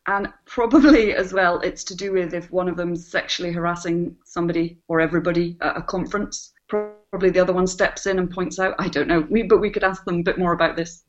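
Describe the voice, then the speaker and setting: A woman's voice: on the low side, fairly even intonation, fast talker, few pauses, muffled recording, faint music behind. A woman co-hosting a podcast, chatting in a dry, wry way and laughing often. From Scotland. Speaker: podcast co-host. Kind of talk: casual podcast chat.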